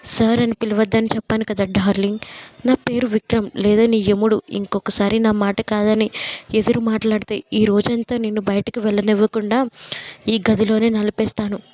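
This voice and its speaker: A woman voicing a cruel, vengeful, possessive man who speaks in threats, in a flat, dark tone. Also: medium pitch, no room sound, close to an everyday voice. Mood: threatening. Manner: menacing, threatening.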